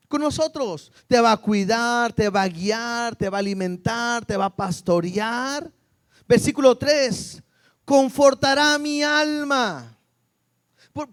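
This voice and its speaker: Brief: male preacher, very high voice, lively sermon full of questions to the congregation. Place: church service before a congregation.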